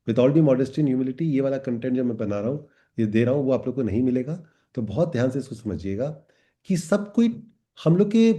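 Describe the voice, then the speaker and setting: An emphatic man talking through market matters in a casual explainer style. He has a mellow, dark voice and an ordinary pitch. He hammers on key points and drops in English phrases, which he says slowly for weight. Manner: mixes English phrases into talk, slows down for English quotes. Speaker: market commentator.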